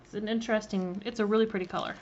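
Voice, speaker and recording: Friendly woman instructor on a live stream, mid-pitched, slightly muffled laptop audio with a faint hiss. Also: fairly even intonation, very fast, a little mellow. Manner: chatty, greets viewers by name, filler ums. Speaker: cookie decorating instructor. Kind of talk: casual live-stream demonstration. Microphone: laptop mic.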